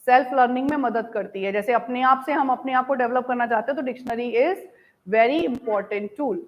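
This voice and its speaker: A woman teacher with an Indian English accent, giving an online class. She mixes Hindi and English, reads key lines out slowly and keeps asking her students whether it is clear. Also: on the high side, muffled recording. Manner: calls students "beta".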